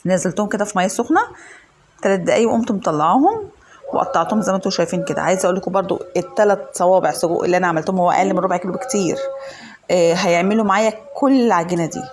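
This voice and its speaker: A fast, chatty Egyptian woman leads a home cooking video, talking viewers through every step with lots of fillers. Her voice is a little hoarse from a cold. She records in her home kitchen, with a faint background hum. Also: fairly low pitch. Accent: Egyptian Arabic. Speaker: home cooking channel host. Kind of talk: casual cooking tutorial.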